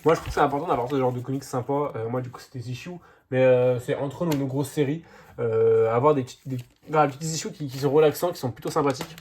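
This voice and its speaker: Speaking fast with fairly even intonation, the comics vlogger has a medium-pitched, darkish voice with a breathy edge. A head cold and slightly sore throat leave him stuffy and a little hoarse as he stumbles through his casual haul video, restarting often and filling gaps with "euh."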